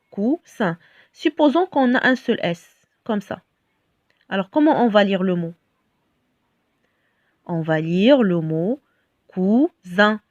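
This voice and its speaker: A woman teaching a French spelling lesson, speaking slowly and carefully, repeating each word and spelling out the letters. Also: mid-range voice, darkish tone, no echo. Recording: dull lo-fi sound, dry.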